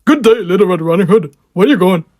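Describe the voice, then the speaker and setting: A woman voicing a cruel, greedy male wolf who speaks with false gentleness. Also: on the low side, expressive, fast talker. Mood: sly friendly.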